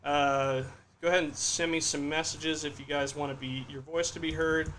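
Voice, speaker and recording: This is a young man running his own podcast from a home room, talking casually and a bit self-deprecatingly with plenty of "uh"s and restarts. His voice sits slightly high and sounds bright and forward. A faint fan hum runs underneath. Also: level tone, moderate pace. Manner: rambling, self-deprecating, many fillers and restarts. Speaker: podcast host. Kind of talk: casual solo livestream podcast. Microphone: podcast studio microphone.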